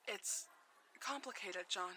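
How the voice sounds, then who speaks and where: A woman playing a guilt-ridden mother haunted by voices in an audio drama, speaking haltingly and with strain. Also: mid-range voice, bright, forceful tone, breathy edge, heavily acted. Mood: flustered, defensive. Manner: halting, emotionally fraught.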